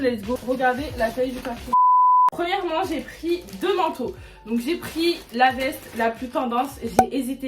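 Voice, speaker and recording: A woman chatting enthusiastically through a clothing haul vlog, full of fillers, at home. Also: fairly high pitch. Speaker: fashion vlogger. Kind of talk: casual try-on haul vlog. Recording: music bed under voice, slightly distant mic.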